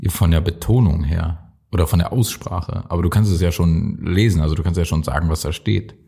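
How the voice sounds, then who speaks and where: A man co-hosting a casual pub-style podcast chat, reasoning things through in a relaxed way. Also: low voice, fairly quick, vocal fry, slightly rough. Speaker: podcast co-host.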